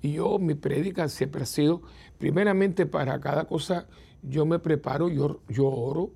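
A priest talks to his audience in a relaxed, reflective chat, with a gravelly, husky edge to a fairly high voice. His tone is dark and mellow, and he often repeats himself and checks in with short questions. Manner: unhurried and reflective, repeats words and adds tag questions. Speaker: priest hosting a program. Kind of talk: conversational talk to viewers.

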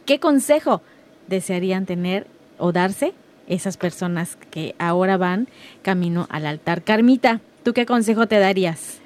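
A woman hosting a faith radio talk show, thanking guests and musing aloud. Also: medium pitch. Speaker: radio host.

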